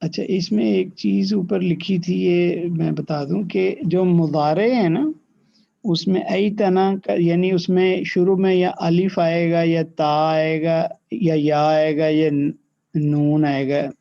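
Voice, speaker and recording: A man teaching an online grammar lesson. He recites verb forms slowly and mixes English terms into his explanations. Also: a little high, steady tone, creaky, muffled recording. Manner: slow, drawn-out recitation of verb forms between quick explanations; mixes in English terms and checks in with "theek hai".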